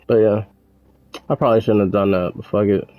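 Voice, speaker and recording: A man's voice: fairly low pitch, steady tone, a little fast, dry recording, highs cut off. A man giving casual, rambling commentary while gaming, sardonic and full of swearing. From United States. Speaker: gaming channel host.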